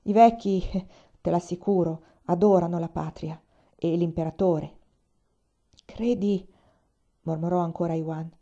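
Warm-voiced woman reading a novel. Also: fairly low pitch, steady tone, normal speed, highs cut off. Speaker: audiobook reader.

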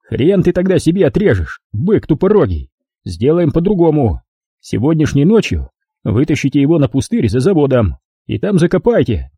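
A menacing drunk gang leader, voiced by a man reading a storybook aloud. He snarls crude threats in a husky, dark voice. The sound is dry and close. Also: on the high side, sing-song, moderate pace, no room sound, exaggerated voice.

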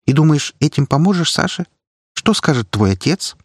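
A man's voice: a little high, sing-song, normal speed, breathy edge, no echo, studio quality, pitched above the performer's own voice. A man voicing Svetlana, a worried, sensible young woman student who reproaches and cautions the others. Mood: reproachful.

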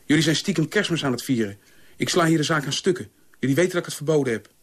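A man voicing a furious, unstable father who shouts at his family. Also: medium pitch, fairly even intonation, normal speed, lightly acted. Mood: raging. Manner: shouting, raging.

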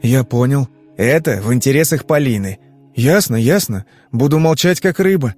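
A man's voice: mid-range voice, lively intonation, normal speed, darkish tone, soft background music, natural voice. A man voicing a nervous, fussy middle-aged businessman worried about his daughter. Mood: flustered.

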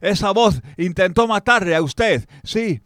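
A man voicing a frantic courtier, urgently pleading in a shrill voice. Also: expressive, unhurried, darkish tone, no echo, clean studio sound.

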